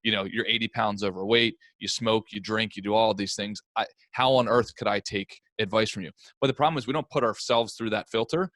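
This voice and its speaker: A man's voice: fairly low pitch, steady tone, fairly quick, hardly any pauses, a bit bright, dry recording. A man hosting a podcast, talking in a casual, earnest and emphatic way. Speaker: podcast host.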